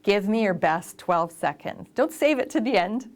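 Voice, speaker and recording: A woman voice actor and casting director giving lively, emphatic advice in a conversational interview. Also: medium pitch, normal speed.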